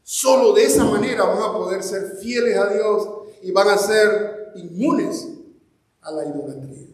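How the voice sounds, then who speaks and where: A male pastor with a strikingly high voice delivers an impassioned sermon, talking straight to his congregation and climbing into shouts. He sounds like he is in a large church hall, with echo and a long reverb trailing each phrase. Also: unhurried. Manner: impassioned preaching, rises to shouts, addresses the congregation directly.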